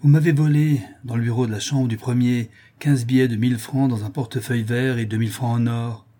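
A man's voice: mid-range voice, fairly even intonation, a little fast, warm tone, close to an everyday voice. Man doing a furious, merciless old employer. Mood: stern accusing. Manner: harsh, accusing. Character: stern angry male employer, older, merciless.

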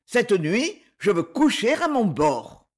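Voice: mid-range voice, very animated, normal speed. Lance Levé, an old would-be pirate captain, read aloud. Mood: heroic. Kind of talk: audiobook reading.

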